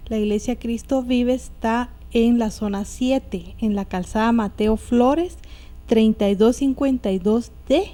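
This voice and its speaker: Mellow-voiced woman host. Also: on the high side. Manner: reads contact details slowly and plainly, answers with short "amen"s. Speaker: television interview host.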